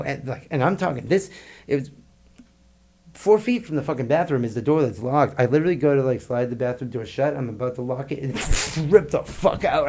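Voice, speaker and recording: A man's voice: fairly high pitch, a little mellow. A middle-aged man, a guest on a podcast, telling a long story in a rambling, profane way and laughing between lines. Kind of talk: casual storytelling.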